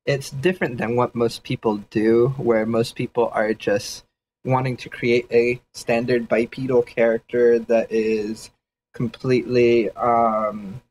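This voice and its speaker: A man's voice: medium pitch, a little mellow, a little hiss or hum, low-quality recording. A man casually thinking aloud during a livestream sketch session, rambling and hedging with fillers as he explains his ideas. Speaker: 3D artist streaming a sketch session.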